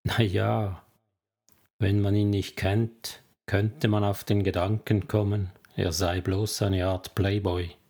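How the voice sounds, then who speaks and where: A man's voice: on the low side, flat delivery, slow, a little mellow. A man reading an audiobook, voicing a self-assured businessman who talks in a confident, dismissive way. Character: self-assured middle-aged businessman, loyal to friends.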